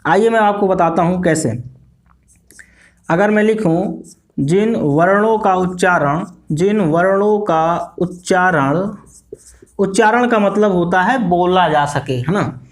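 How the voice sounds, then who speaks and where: A high-pitched man from India, speaking with an Indian accent, teaches a grammar lesson at a board in a classroom. He repeats phrases slowly as he writes and asks and answers his own questions.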